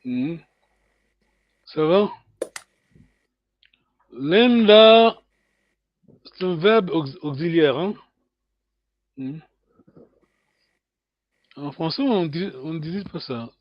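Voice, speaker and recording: A man teaching a language lesson over a video call, patient and hesitant, with many pauses and fillers. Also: on the high side, animated, dry recording, lo-fi sound.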